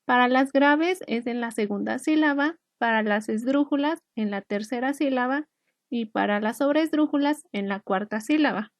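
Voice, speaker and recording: Dry-sounding, higher-voiced woman teacher. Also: no echo. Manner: clear, measured explaining with occasional restarts. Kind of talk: recorded online lesson. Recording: dry, slightly muffled recording.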